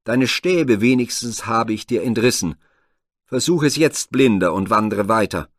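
A man's voice: fairly low pitch, animated, moderate pace, fairly bright tone, dry recording, clean studio sound. A man voicing a ruthless royal uncle, scornful and self-justifying, in a spoken myth retelling. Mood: mocking. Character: ruthless royal uncle, mocking then ashamed.

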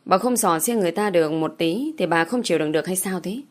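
A woman voicing a defiant young village daughter in an audiobook, with quick sharp retorts in a lowish voice. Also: lightly acted. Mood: bitter.

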